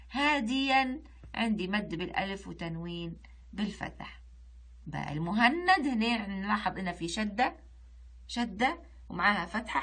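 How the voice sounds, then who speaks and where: A woman with a Libyan Arabic accent teaching an online reading lesson to children, reciting verse slowly word by word and explaining how each word is pronounced. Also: medium pitch, fairly bright tone, breathy edge. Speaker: primary school Arabic teacher.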